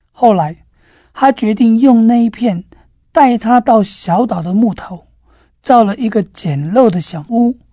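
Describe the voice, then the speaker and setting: A woman gives an earnest devotional sermon in a mellow, breathy voice, her tone soft and warm. The sound is close and dry, with no room around it. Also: medium pitch, no echo. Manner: gentle, earnest storytelling. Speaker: preacher.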